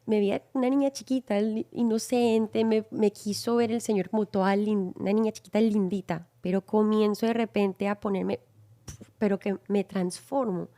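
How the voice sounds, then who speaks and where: A woman's voice: mid-range voice, steady tone, normal speed, dark tone. A woman guest giving a personal testimony, speaking earnestly and reflectively. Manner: earnest, reflective, recounts a dream.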